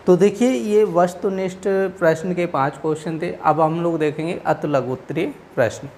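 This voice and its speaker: A man's voice: on the high side, moderate pace, a little mellow, slight background noise. A man teaching, patiently explaining exam answers step by step and checking in constantly with his students. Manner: patient, repetitive, checks in with frequent "okay".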